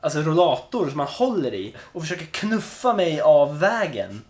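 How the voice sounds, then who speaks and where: Man, casual co-host, higher voice that swoops around a lot as he jokes through a story. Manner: animated, joking storyteller. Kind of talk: casual chat.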